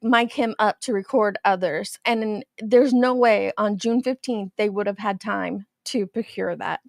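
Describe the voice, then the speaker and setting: A woman's voice: medium pitch, gravelly, no room sound, clean studio sound. A woman with a lisp and whistling s, hosting a casual livestream commentary in a blunt, skeptical manner. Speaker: host.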